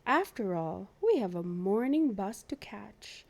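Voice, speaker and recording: A kindly old zookeeper from a picture book, as a woman reads him aloud. He is courteous and homely, with a soft, mellow tone. His words come slowly, with gentle expression. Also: mid-range voice, big pitch swings, gravelly, full character voice. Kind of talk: children's storybook read-aloud.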